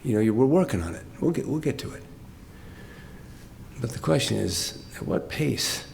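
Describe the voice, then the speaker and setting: An older man giving heartfelt off-the-cuff remarks at a tribute, emotional and close to tears, speaking haltingly with many restarts and laughing through it. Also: medium pitch, expressive, vocal fry, a little mellow, a little hiss or hum. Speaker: speaker at a corporate tribute event.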